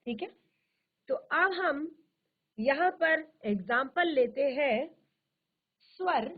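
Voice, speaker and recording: A woman teaching Hindi grammar, slowly repeating terms and asking questions that she answers herself. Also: sits high, expressive. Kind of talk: slow classroom explanation. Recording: tinny phone-like virtual classroom audio.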